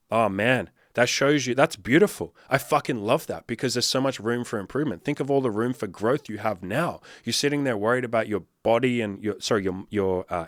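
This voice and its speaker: A man's voice: on the low side, dry recording, clean studio sound. A man in his thirties, a dating coach giving blunt, profane, fired-up advice in a casual monologue. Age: 30s.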